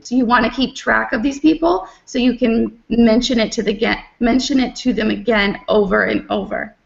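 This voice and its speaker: Woman, higher voice, losing her voice, eager, giving tips. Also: normal speed, creaky, lo-fi sound. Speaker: sales director. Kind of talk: round table chat.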